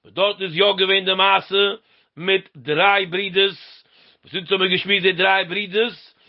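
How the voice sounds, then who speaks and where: A man's voice: sits high, fairly even intonation, slow. A man, explaining a Talmud passage in a sing-song lecture. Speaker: Talmud teacher. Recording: lo-fi dull recording.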